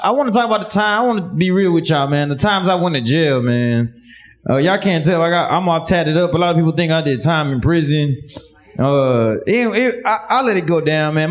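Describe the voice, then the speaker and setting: High-voiced laid-back male comic. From El Salvador heritage. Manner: laid-back, slangy, says "man" and "y'all". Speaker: stand-up comedian. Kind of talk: stand-up comedy set.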